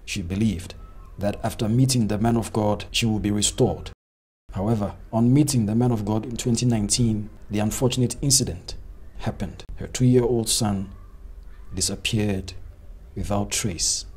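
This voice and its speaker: A man reading a news report in a steady, formal way. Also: fairly low pitch, moderate pace, husky. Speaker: news narrator. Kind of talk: scripted news narration.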